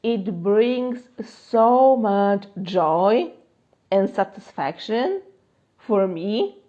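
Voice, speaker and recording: A Polish-accented woman, a life coach, answers live-stream chat questions loosely, chatty and full of fillers, laughing often. Her medium-pitched voice has lively intonation and a dark tone, and she speaks extremely slowly. It's recorded on a phone and sounds muffled.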